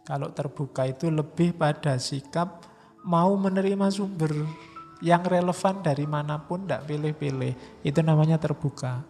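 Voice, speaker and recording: A man with a Javanese accent giving a relaxed, conversational philosophy lecture, slowing down for emphasis. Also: fairly high pitch, vocal fry. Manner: relaxed, conversational, with mock quotes and slow emphasis. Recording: hall reverb with faint music.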